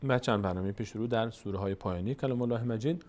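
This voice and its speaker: In a step-by-step recitation lesson, a man with a lowish, darkish voice teaches Quran reading. He's patient and repetitive, answers his own questions, and draws sounds out slowly when demonstrating them.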